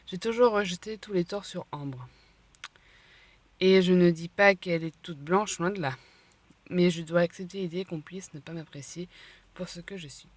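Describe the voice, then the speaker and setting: A woman's voice: on the low side, moderate pace. A woman reading a visual novel aloud on stream, chatty and laughing often as she comments between the lines.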